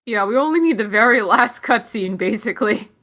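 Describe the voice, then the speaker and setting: A woman's voice: a little high, lively intonation, fairly quick, pushed and bright. A woman chatting casually on a game stream.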